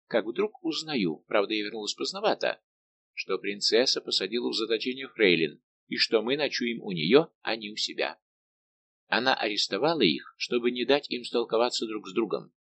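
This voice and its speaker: A quick-witted young court lady presses her friend with teasing, persistent questions, voiced by a man reading an audiobook. Her tone is mid-range and gravelly, and a faint hiss sits in the background. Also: mid-range voice, a bit bright. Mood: insistent. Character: lively, insistent young female court maid of honour.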